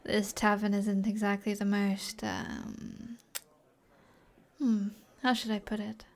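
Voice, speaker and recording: A British woman plays a seductive, flirty sorceress in an ASMR roleplay, her soft, breathy voice frequently sinking to a whisper. Her pitch sits mid-range with little movement, and she speaks slowly in a playful, teasing way.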